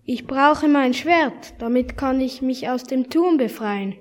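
A woman voicing a tiny, impatient boy prince in a read-aloud storybook. She makes him loud, pushy and easily exasperated. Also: high-pitched, slow. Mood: urgent. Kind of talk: storybook reading.

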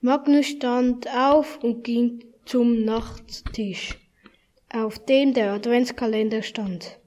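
Narrator: slow, fairly high-voiced woman reading a children's story. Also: fairly even intonation, a little mellow.

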